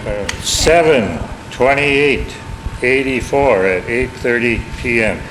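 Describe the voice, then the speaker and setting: A man's voice: mid-range voice, takes it slowly. A man in his seventies from Minnesota, telling family stories in a rambling, chuckling way, recorded at home on old worn cassette tape. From Minnesota, USA. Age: 70s. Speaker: family storyteller. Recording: echoey room, hissy old tape.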